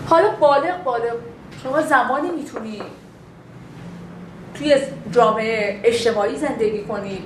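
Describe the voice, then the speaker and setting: Lady teacher lecturing a class, kinda high voice, acts out little dialogues, roomy echo and some hiss. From Bakhtiari heritage. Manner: animated, acts out quoted dialogue. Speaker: instructor.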